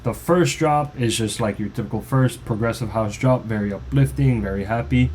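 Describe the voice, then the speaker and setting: A music producer with a mid-range, slightly mellow voice at normal speed walks through his own song in a loose, informal tutorial, restarting as he explains. Faint music plays behind him, along with slight background noise.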